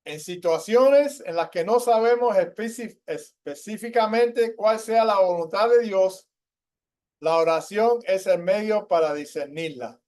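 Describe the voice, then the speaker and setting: A man preaching a sermon in church who keeps asking the congregation questions and rises in pitch and volume to stress his points. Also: a little slow, a little mellow. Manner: asks the congregation questions, tags lines with ¿verdad?.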